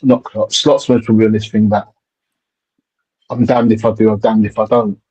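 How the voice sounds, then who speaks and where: Husky mellow man on a dull line. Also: fairly low pitch, little pitch movement, normal speed. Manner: stammers on repeated words before getting a point out. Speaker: panelist. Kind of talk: casual live-stream football chat.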